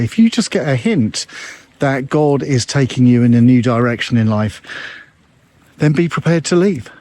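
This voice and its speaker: Older male pastor, mid-pitched, slightly winded devotional talk while walking uphill, relaxed and chatty. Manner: relaxed, conversational, with frequent fillers and tag questions. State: slightly out of breath. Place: outdoors walking on hills.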